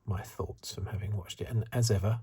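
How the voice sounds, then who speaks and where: A man in his fifties hosts an ASMR channel, offering soft, whispery commentary in a very hushed, breathy, low voice. His tone stays steady while his delivery is hesitant and halting, like unscripted musing.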